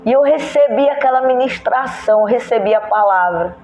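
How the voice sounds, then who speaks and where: A woman's voice: fairly high pitch, normal speed, a little mellow. Lady pastor telling her testimony, emotional, echoey church, faint music. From Brazil. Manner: earnest storytelling, acting out remembered dialogue. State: moved, voice heavy with emotion.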